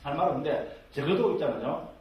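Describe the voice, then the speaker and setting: A man's voice: fairly high pitch, lively intonation, fast, darkish tone. A man who teaches Buddhist scripture as a monk, in a jokey, conversational way that is full of tag questions. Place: lecture room with a live audience. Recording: echoey room from far off, faint hiss.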